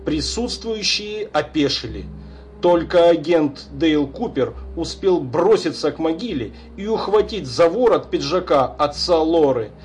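A man narrating an audiobook in a measured, unhurried reading. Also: on the high side, animated, darkish tone, soft background music. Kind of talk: scripted narration.

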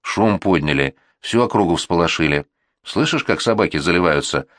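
A man reading an audiobook who voices a gruff, menacing male gang commander, growling and scornful. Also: sits low, expressive, moderate pace, fairly bright tone, dry recording, clean studio sound.

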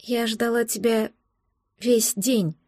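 A fragile, frightened young woman who pleads in a quiet, trembling voice, as the audiobook narrator plays her. Her tone is fairly high, and the sound is dry and close to the mic. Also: unhurried, no echo. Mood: pleading. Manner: quiet, trembling, barely audible.

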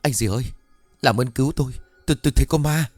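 A man's voice: mid-range voice, expressive, fast, a little mellow, dry recording, faint music behind, pitched above the performer's own voice, natural voice. A man voicing a panicked middle-aged market woman who stammers and pleads as she talks. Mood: pleading.

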